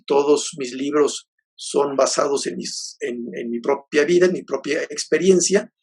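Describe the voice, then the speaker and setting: Gravelly Mexican man in his fifties. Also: medium pitch. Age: 50s. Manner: hesitant, searching, many fillers and restarts. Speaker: guest poet and novelist. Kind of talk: reflective interview talk.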